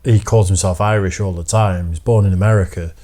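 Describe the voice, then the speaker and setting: A man's voice: sits low, steady tone, a little fast, dark tone. A man from Britain co-hosting a casual chat, opinionated and dryly joking. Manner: opinionated, dry jokes. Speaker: co-host.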